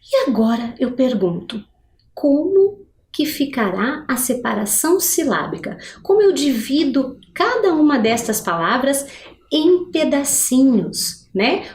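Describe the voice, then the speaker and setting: A woman teacher giving a recorded video lesson for adults, slowly spelling out example words and putting questions to the viewers. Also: high-pitched, darkish tone. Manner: slow, drawn-out pronunciation of example words; asks questions to the viewers, frequent "né?". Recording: echoey room.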